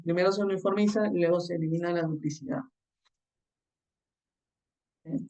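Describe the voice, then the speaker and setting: A course instructor giving a recorded lecture on the slides, explaining step by step and often checking in with a quick tag question. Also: mid-range voice, steady tone, mellow, far from the mic, poor audio.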